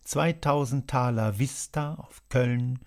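A man voicing an agitated male writer who loudly reads out a letter in a dramatized audiobook. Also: mid-range voice, slow pace. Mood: declaiming. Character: agitated male literary man announcing news.

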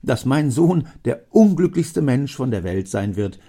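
A man voicing an excitable elderly factory owner who talks heartily and emphatically in a raised voice. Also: mid-range voice, a little slow, husky, pitched above the performer's own voice, full character voice. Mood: emphatic.

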